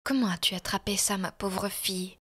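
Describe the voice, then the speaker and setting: A woman's voice: medium pitch, normal speed, fairly bright tone, breathy edge, dry recording. A woman voicing an embarrassed young male army captain who speaks hesitantly and awkwardly, in a storybook reading.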